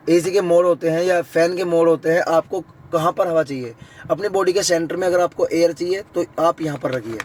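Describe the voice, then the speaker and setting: A hoarse man, a vlogger, giving a casual how-to demonstration from inside a car. He keeps turning to his viewers with "friends" and "okay". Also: a little high, a little mellow, a little hiss or hum, rough recording.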